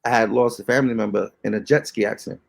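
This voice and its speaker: A man's voice: lowish voice, steady tone, rapid-fire, creaky. A young man co-hosting a podcast, telling ghost stories in casual, slangy, rambling chat with lots of fillers. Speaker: podcast co-host.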